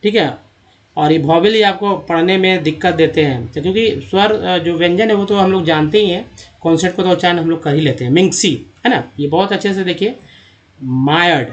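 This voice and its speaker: A man teaching English reading, slowly and patiently sounding out words one by one. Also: high voice, dull audio. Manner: slow, patient word-by-word drilling.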